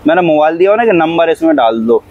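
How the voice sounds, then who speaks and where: Rambling cab driver man, slightly high voice. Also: lively intonation, fast, phone-quality sound. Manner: rambling, repeats phrases, acts out quoted dialogue; coughs often while talking. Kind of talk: casual storytelling interview.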